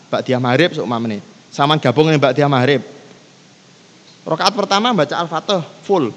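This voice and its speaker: Relaxed Javanese-accented man teaching. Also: a little high. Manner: easygoing, mixes Javanese into Indonesian, recites Arabic. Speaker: Islamic teacher leading kitab study. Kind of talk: casual religious lesson. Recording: long reverb with faint background noise.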